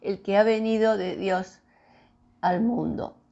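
A woman's voice: mid-range voice, fairly even intonation, slow, gravelly, dark tone. A woman reading the lines of an earnest, faithful, grieving grown woman, in a plain reading voice, on a dull lo-fi recording.

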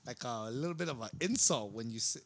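Bright-voiced man, bilingual slang. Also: medium pitch, expressive, fairly quick. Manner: switches between English and Spanish, slangy. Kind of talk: casual bilingual podcast chat.

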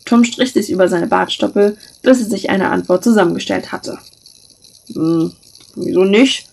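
Woman reading fiction aloud, lively storytelling, gravelly, husky. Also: mid-range voice, a little fast. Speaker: author reading a book excerpt. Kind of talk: book reading.

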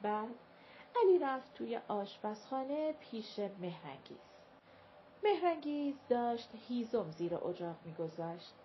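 A woman reading a novel aloud in calm, measured scripted narration. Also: on the high side. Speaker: audiobook narrator. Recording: dull lo-fi recording with faint hiss.

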